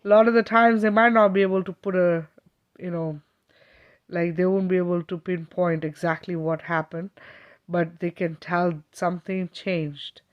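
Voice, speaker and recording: A woman's voice: fairly low pitch, level tone, moderate pace, dull audio. A woman from Kenya, a spiritual healer hosting a live stream, chatting casually and reassuringly with viewers and often checking in with "okay?".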